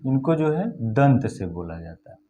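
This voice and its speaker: A male teacher giving an exam-prep lesson, slowly sounding out each letter one by one. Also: medium pitch, very animated, dark tone, a little hiss or hum. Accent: Hindi-speaking north Indian.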